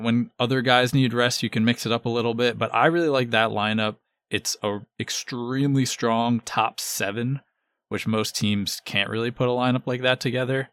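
A man's voice: medium pitch, a bit bright, clean tone, dry recording, studio quality. A man giving casual sports analysis as a podcast co-host.

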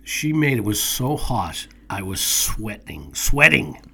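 Gravelly man gushing about food. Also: on the low side, big pitch swings, slow, a bit bright. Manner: enthusiastic, rambling with restarts. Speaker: co-host of a food show. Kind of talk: casual chat.

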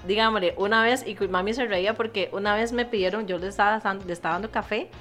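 A woman with a Costa Rican accent in casual conversation, lively and expressive as she talks. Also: mid-range voice, quick pace, faint music behind. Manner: animated, acts out quoted voices.

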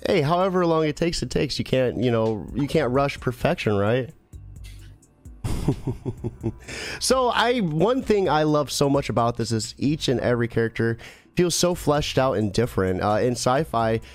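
A man in his thirties hosting a casual interview, enthusiastic and full of fillers. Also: mid-range voice. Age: 30s. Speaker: interviewer, host. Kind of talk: casual video-call interview.

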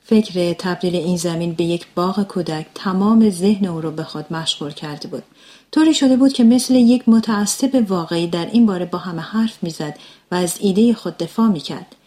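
Woman calmly narrating an audiobook. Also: fairly low pitch. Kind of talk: audiobook story reading.

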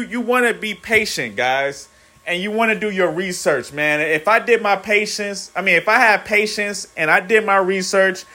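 A man in his thirties talks loosely to his viewers in a profane motivational vlog. He rambles, repeats himself, and keeps calling them "guys". His voice sits a little high for a man. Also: sharp tone. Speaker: vlogger. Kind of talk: casual motivational monologue.

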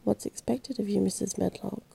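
A woman softly voicing a husky, stern thin old manservant in a whispered role-play bedtime reading. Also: medium pitch, fairly even intonation, moderate pace, heavily acted.

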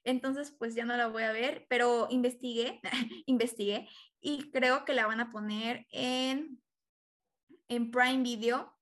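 A woman in casual chat, talkative, with quick asides and frequent laughter. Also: a little high, fairly even intonation, fairly bright tone.

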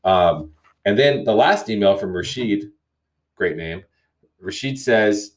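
A man's voice: fairly low pitch, animated, slow pace. A man hosting a casual solo podcast, thoughtfully reading listener emails aloud and reflecting on them with frequent restarts. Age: young adult or middle-aged, parent. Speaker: podcast host.

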